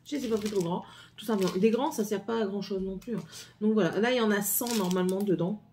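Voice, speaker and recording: A woman's voice: mid-range voice, fast talker, dark tone, a little hiss or hum. A middle-aged woman with a French accent, chatting casually through a haul video with many hesitations and repeats. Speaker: vlogger.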